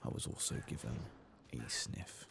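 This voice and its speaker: Speaking close to the microphone at a normal pace, a man gives soft-spoken ASMR commentary over a video game, with understated asides to himself.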